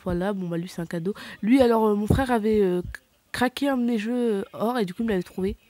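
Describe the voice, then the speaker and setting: A woman's voice: mid-range voice, fast talker, dark tone, no room sound. A woman chatting casually while showing her game collection, rambling with many fillers, slips and self-corrections. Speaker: gaming vlogger.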